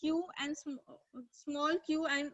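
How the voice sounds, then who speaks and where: A woman's voice: high voice, flat delivery, slow pace, dry recording. A woman teaching an online economics class, quizzing students and praising them by name. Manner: asks questions and praises students by name from chat. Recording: dull, dry lo-fi mic.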